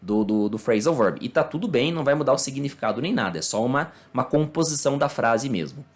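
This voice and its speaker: A Brazilian man, a native Portuguese speaker, giving a casual online English lesson, explaining slowly and checking in with tag questions and fillers. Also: mid-range voice, animated. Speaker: English teacher.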